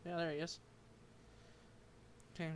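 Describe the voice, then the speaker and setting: Reading a game's lines aloud while he streams, a man comments as he goes and trips hesitantly over names he doesn't know. His voice is slightly high and level in tone, with a bit of background noise.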